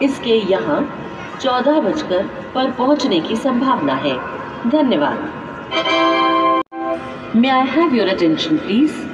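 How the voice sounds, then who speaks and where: A woman making a railway station announcement over a loudspeaker, slow and measured in English, rapid in Hindi. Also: fairly high pitch, very animated, muffled recording, music in the background. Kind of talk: public address train announcement. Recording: echoey loudspeaker heard from far off.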